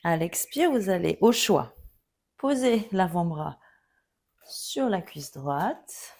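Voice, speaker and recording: A woman teaching a yoga class, giving calm, gently guiding cues through each pose. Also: lowish voice, takes it slowly, gravelly. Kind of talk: guided yoga instruction.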